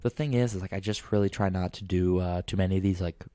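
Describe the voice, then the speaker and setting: A young man chats on a casual podcast in a lowish, mellow voice. He rambles, piles on fillers and gets animated. The sound is dry and close. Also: fast, dry recording. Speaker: podcast co-host. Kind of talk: casual chat.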